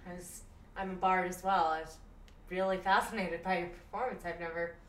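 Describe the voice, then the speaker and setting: A woman's voice: fairly low pitch, fairly even intonation, a little fast, a bit bright, natural voice. A woman playing a frank, flirtatious, curious female bard in a tabletop game, recorded in an echoey room. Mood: curious, admiring. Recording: echoey room, distant mic, faint noise.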